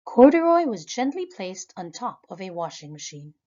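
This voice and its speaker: A woman, a preschool teacher, reading a children's picture book aloud in a lively, expressive way. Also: moderate pace, lo-fi sound. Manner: animated, high voices for characters. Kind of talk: children's storybook read-aloud.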